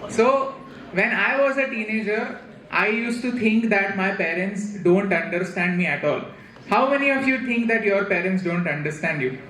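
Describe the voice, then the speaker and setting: A man in his thirties with an Indian accent, giving a lively motivational talk to a room of students, often repeating himself and asking the audience questions. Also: high-pitched, moderate pace. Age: 30s. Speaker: guest speaker. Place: large hall with a student audience. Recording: echoey hall with faint noise.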